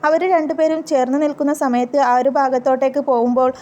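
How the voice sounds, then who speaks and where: A woman storyteller reading a melodramatic life story with steady, plain narration. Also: high voice, fairly quick, lo-fi sound.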